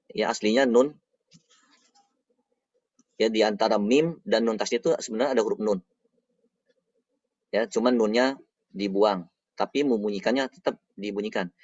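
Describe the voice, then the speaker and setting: A man's voice: fairly low pitch, darkish tone, dry recording. Man patiently teaching Quran recitation terms. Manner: patient, repeats each point slowly. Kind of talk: explanatory lesson. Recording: dull, dry lo-fi recording.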